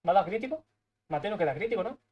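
A young man from Spain with a Spanish accent, giving live gameplay commentary, excitable and swearing, muttering to himself as he plays. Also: high-pitched, racing, slightly rough, dull audio. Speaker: streamer.

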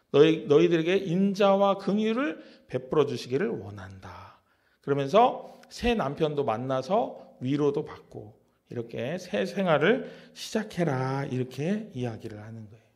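A man's voice: on the high side, darkish tone. A male pastor giving a conversational sermon, often asking his listeners rhetorical questions.

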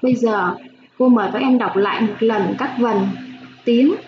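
A woman primary school teacher giving a slow phonics lesson for young children, spelling out sounds clearly with gentle instructions. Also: on the high side. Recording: echoey room, dull lo-fi sound, faint hiss.

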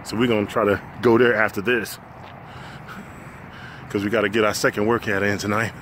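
A man's voice: on the low side, brisk. A man casually narrating a vlog while filming on a handheld phone in an arcade. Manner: relaxed, colloquial talk. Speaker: vlogger. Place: noisy arcade and restaurant. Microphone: handheld phone camera. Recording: loud arcade noise behind.

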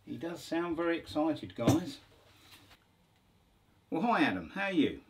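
A man's voice: fairly high pitch, sing-song, unhurried, a little hiss or hum. A man hosting a band video, chatting jokily to viewers and acting out a phone call in a music room. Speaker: band host. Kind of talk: casual chat.

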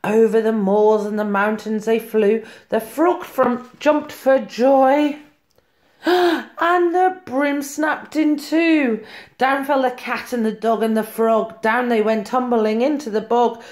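A woman reading a rhyming picture book aloud at home in a lively storytelling manner. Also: a little high, unhurried. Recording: roomy echo.

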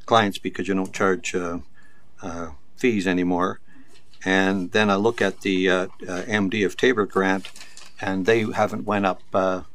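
A man with a very low, deep voice questions a presenter across a council chamber. He stops and restarts often, padding with uh, and sounds skeptical of the figures he's been given. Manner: halting, many uh fillers, skeptical. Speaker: town councillor.

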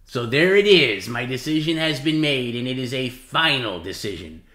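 With a bright, forceful tone at medium pitch and normal speed, this man hosts a livestream and sounds animated. His dramatic readings blend with casual talk as he emphatically repeats himself to goad, in a roomy, echoing space.

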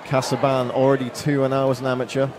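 A man's voice: medium pitch, completely flat delivery, quick pace. Male fight commentator over crowd noise. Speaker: play-by-play commentator. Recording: crowd and venue noise behind. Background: arena crowd.

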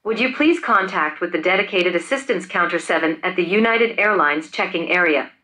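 A woman making formal airport announcements, played over a loudspeaker and heard from a distance. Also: on the low side, lively intonation, a little fast. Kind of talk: scripted public announcement.

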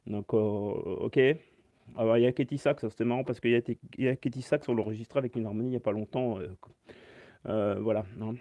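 A man's voice: medium pitch, no echo, dull audio. Male music teacher doing a casual live Q&A from his phone, mid-range voice, step-by-step explanations, dry room. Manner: chatty, explains step by step, reads chat comments aloud. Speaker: saxophone teacher. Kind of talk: live-stream Q&A.

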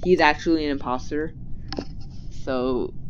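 A man giving casual gameplay commentary as a channel host, talking to himself in slangy, excitable bursts. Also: fairly high pitch, measured pace. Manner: slangy, excitable, talks to himself while playing. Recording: dull lo-fi mic with faint hiss.

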